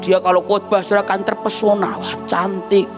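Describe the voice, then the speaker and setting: A woman pastor preaching a sermon as animated storytelling, often calling her listeners "saudara" and swinging between loud outbursts and quiet, somber stretches. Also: mid-range voice, a little fast, over music. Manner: bursts into shouts and laughs, then drops quiet and somber.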